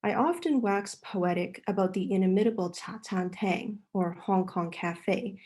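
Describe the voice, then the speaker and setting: A woman reading her own literary essay aloud in a measured way over a video call, after a brief introduction. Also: mid-range voice, dark tone. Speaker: reader, author.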